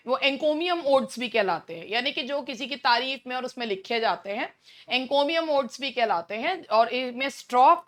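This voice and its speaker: A woman teaching English literature for an exam, mixing Hindi and English, reading out options slowly and then explaining briskly. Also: high-pitched, a bit bright. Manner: reads multiple-choice options slowly, then explains quickly; addresses students directly with rhetorical questions.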